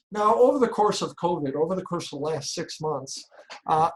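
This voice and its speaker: A man's voice: fairly high pitch, low-quality recording. A man in his forties from the Chicago area, giving an earnest, emphatic inspirational talk at a conference. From Chicago area, United States. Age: 40s. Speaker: conference speaker.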